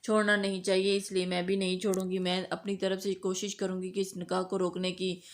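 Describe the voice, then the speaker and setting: A frightened young woman pleads and makes defiant threats, read by a woman narrator. She speaks in an even, narrow-toned voice in an audiobook romance. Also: medium pitch, close to an everyday voice. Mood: pleading prayer.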